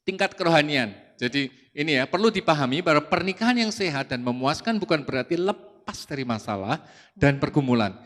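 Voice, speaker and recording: A man gives a sermon on marriage, fairly high in pitch for a man. He tells a personal story in a lively, conversational way and gets loud when he quotes his own retorts. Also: fairly quick. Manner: lively anecdotal preaching, rising to loud retorts when quoting himself. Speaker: speaker at a church service on marriage.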